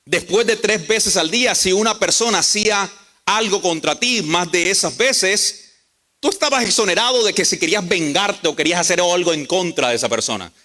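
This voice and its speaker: A man's voice: high-pitched, expressive, moderate pace, bright, forceful tone. A male pastor preaching a sermon and telling stories, acting out the characters as he goes.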